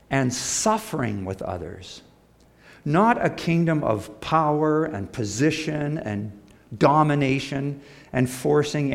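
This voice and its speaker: A male pastor speaks from the podium in a sermon style. His pitch moves widely and his voice has a creaky, gravelly edge. He reads scripture and explains it in a conversational way, acting out dialogue as he goes. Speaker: pastor preaching to a congregation.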